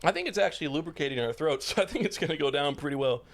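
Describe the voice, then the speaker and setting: A man's voice: on the high side, animated, very fast. A man in his twenties co-hosting a podcast, chatting casually, joking and rambling with frequent laughs. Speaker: podcast co-host. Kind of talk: casual chat.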